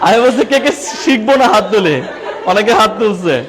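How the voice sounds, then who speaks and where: A sweating man with a Bangladeshi Bengali accent trains a roomful of teachers in a classroom, drilling them call-and-response style and joking with them. His voice is high-pitched and brisk with lively intonation, and a crowd can be heard in the background.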